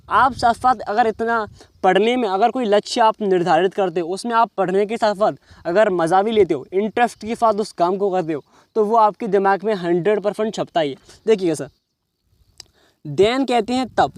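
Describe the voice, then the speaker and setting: A man's voice: high voice, no echo. A man teaching an English reading lesson, explaining each English word in Hindi and often checking whether the listener understands. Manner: reads English words slowly, then explains each in Hindi; keeps checking the listener with "समझ रहे हो".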